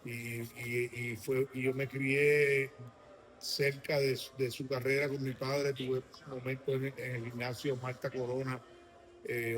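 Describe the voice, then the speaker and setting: Man, Puerto Rican accent, middle-aged, halting speech, mid pitch. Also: fairly bright tone. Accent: Puerto Rican Spanish. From Puerto Rico. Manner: halting, many restarts and fillers, reminiscing. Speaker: guest. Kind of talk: interview answers.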